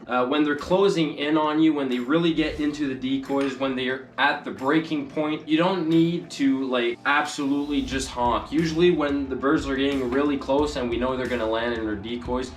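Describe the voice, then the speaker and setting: A man's voice: mid-range voice, steady tone, normal speed, few pauses. A man giving an informal hands-on tutorial as a hunting instructor, explaining loosely and casually. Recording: distant mic, echoey, music behind.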